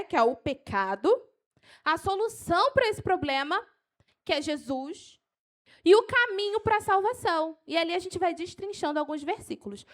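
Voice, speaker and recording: A woman evangelist teaching an evangelism training at church, animated and quick to get carried away, then slowing down to dictate Bible verses. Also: high-pitched. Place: church hall.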